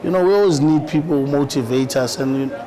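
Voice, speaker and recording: A man's voice: a little high, fast, dark tone, low-quality recording. A South African man in his thirties, a rapper and actor, talking easily in a podcast interview and often repeating words and saying "you know". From South Africa, Eastern Cape.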